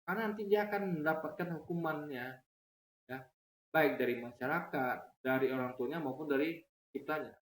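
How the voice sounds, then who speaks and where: A religious commentator talking casually to viewers in a vlog, keeping it lively with rhetorical questions. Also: medium pitch, a little fast. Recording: roomy echo, faint noise.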